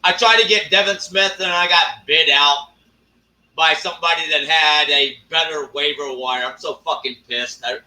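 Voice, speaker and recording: A man's voice: a little high, pushed and bright, distant mic. Profane man ranting on a live stream. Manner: profane, ranting, drawn-out fillers. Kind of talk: casual live stream chat. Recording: echoey room, off-mic.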